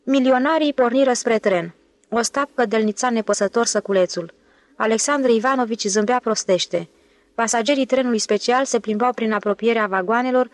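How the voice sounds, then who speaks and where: A woman narrating an audiobook novel in an even, clear reading style. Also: fairly high pitch, no room sound. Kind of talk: scripted narration.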